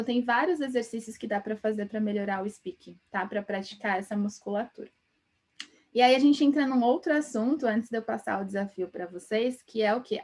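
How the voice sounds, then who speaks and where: A young Brazilian English teacher with an interior São Paulo Portuguese accent runs a chatty live-stream lesson, laughing often and ending lines with tag questions. Her voice is medium-pitched and a little mellow.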